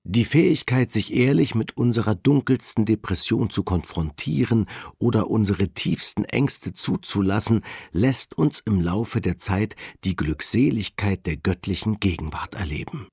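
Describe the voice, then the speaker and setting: A man giving a calm, measured reading of a spiritual text. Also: fairly low pitch, gravelly, slightly rough, no echo, clean studio sound. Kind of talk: slow devotional reading.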